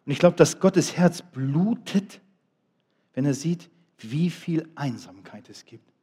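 A middle-aged man preaching a sermon, swinging between loud, emphatic appeals and quiet, low asides. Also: animated, slow, slightly rough.

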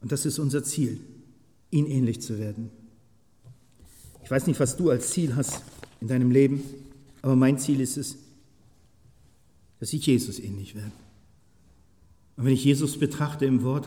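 A man preaching a sermon with passion, moving from quiet, searching questions to loud, pleading outbursts and putting questions straight to his listeners. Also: medium pitch. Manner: impassioned, swings from soft to loud shouting; asks the listeners many direct questions. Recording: long hall reverb.

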